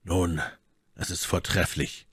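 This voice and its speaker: Man doing a gloomy musketeer, deep and quiet, slow and heavy, storybook voice. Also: little pitch movement, breathy edge, dry recording, clean studio sound, heavily acted. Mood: measured.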